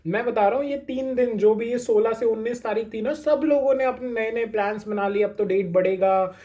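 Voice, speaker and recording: A man's voice: extremely high pitch, fairly even intonation, fairly quick, mellow, muffled recording. A man giving a casual pep talk to exam students, reassuring them and repeating his points, with English phrases mixed into his talk. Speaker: exam coaching YouTuber.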